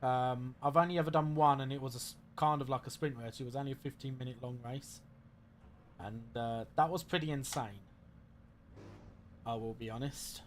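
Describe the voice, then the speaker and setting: A man's voice: medium pitch, steady tone, normal speed. A man giving casual, musing commentary as he plays a racing game, a little hesitant in his phrasing. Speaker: sim racing streamer. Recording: faint car noise behind voice. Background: racing game car sounds.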